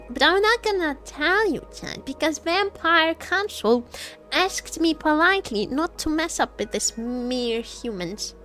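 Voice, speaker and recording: With a high, pushed and bright voice, a woman chats playfully while streaming gameplay, often repeating herself. She teases in a vampire role-play, and video game music plays in the background.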